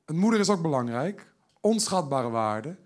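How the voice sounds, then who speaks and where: A man's voice: on the high side, sing-song, normal speed. A man preaching a sermon in a jovial, emphatic manner. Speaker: pastor.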